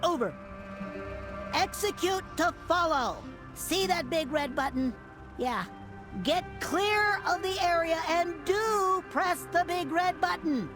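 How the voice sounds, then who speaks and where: A woman's voice: extremely high pitch, animated, slow pace, music in the background, heavily acted. A woman voicing an eager little female engineer who gives clipped military orders over a radio, each ending with over. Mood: brisk. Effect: voice heard over a radio.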